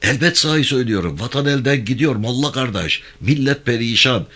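A man voicing a male gendarme who talks quickly and urgently in a lowered voice. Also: animated. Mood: urgent, hushed. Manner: hushed urgent talk. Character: secretly rebellious male gendarme, urgent and earnest.

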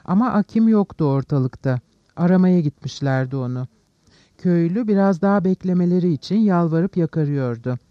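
A man narrating an audiobook in a steady, measured reading. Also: high voice, dry recording. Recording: dull, dry studio sound.

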